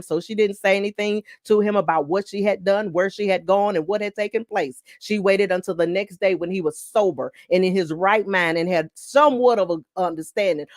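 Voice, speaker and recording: A woman host giving an inspirational devotional talk in a fast, exhorting, preachy manner. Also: mid-range voice, no room sound, clean studio sound.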